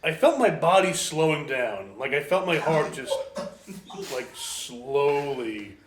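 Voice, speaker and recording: A man's voice: a little high, big pitch swings, normal speed. A man in his twenties telling stories casually as an interview guest, crude and self-deprecating. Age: 20s. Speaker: interview guest, former pro wrestler. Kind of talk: casual storytelling chat. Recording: echoey room with crowd noise.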